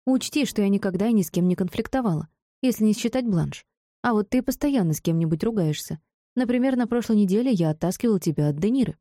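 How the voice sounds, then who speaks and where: A woman's voice: mid-range voice, expressive, quick pace, warm tone, no room sound, clean studio sound, voice pushed up. A woman voicing an earnest, anxious young female student who talks things through carefully, in an audiobook.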